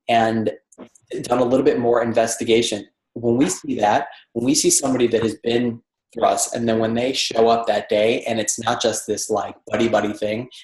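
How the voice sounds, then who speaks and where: A man's voice: mid-range voice, a little mellow. A man mentoring applicants in an informal question-and-answer session, talking conversationally and often restarting his phrases as he thinks aloud. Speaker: dental residency interviewer and mentor. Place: home apartment. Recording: roomy, echoey room sound.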